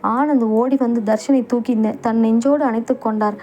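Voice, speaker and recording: A woman's voice: a little high, steady tone, normal speed, warm tone, a little hiss or hum, poor audio. Woman narrating an emotional family story. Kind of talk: first-person story narration.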